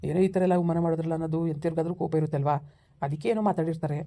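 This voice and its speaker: A man playing a father who calms his upset daughter on the phone in an amateur village family drama. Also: a little high, very fast. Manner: soothing, reassuring.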